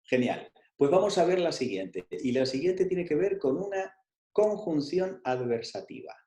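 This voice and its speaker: A man's voice: on the high side, animated, measured pace, mellow, roomy sound. A man leading an online coaching workshop, stressing his points, repeating key phrases and asking rhetorical questions.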